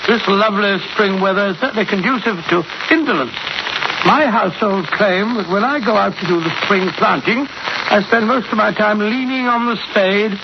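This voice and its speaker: An actor playing a genial, rambling older English doctor in a 1940s radio drama, chatty and hesitant. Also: male voice, high voice, normal speed. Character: genial, rambling old English doctor telling his yarns. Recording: muffled, noisy 1940s radio recording.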